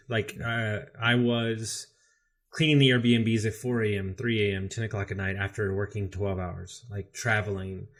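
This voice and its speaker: Candid, profane man telling his story. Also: fairly low pitch. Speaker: podcast guest, business coach. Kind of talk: casual storytelling interview.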